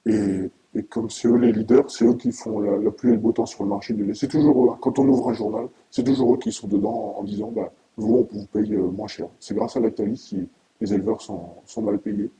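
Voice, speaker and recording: A middle-aged French man, a farmer giving halting interview testimony, his voice disguised by deep pitch-shifting. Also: steady tone, warm tone, a little hiss or hum, rough recording. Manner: halting, with repeated words and long hesitations.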